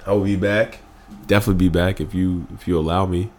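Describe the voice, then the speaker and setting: A man's voice: sits low, steady tone, fast, darkish tone, slight background noise. A man, a podcast guest, talking earnestly and emphatically, stressing points by repeating phrases, still emotional after crying. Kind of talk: emotional candid conversation.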